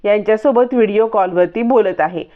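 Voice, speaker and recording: A woman's voice: mid-range voice, fairly quick, close to an everyday voice. A woman voicing a hesitant young wife who dodges questions. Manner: hesitant, evasive. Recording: dull lo-fi recording.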